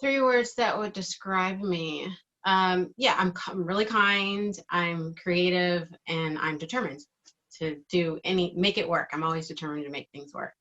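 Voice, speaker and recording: A woman's voice: lowish voice, unhurried, fairly bright tone, highs cut off. A middle-aged woman giving casual, informal interview answers, with hesitant phrasing and thoughts that trail off. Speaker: interviewee, digital marketing team member.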